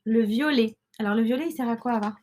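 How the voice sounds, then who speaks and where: A woman's voice: a little high, quick pace, a little mellow, slight background noise. A woman, hosting and explaining casually to listeners with frequent hesitations and fillers. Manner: hesitant, many fillers and restarts. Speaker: podcast host and mother.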